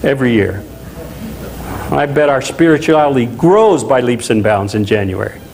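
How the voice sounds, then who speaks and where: A middle-aged man from Louisiana preaching a sermon as a pastor in a small chapel, talking in a conversational, animated way with asides. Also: medium pitch, normal speed, creaky, slight background noise, rough recording. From Louisiana, USA.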